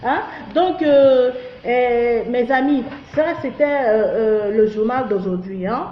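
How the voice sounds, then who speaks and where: A woman's voice: fairly high pitch, slow, a little hiss or hum. A woman hosting a comedy joke-news vlog, chatty and teasing with lots of fillers. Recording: roomy, dull lo-fi.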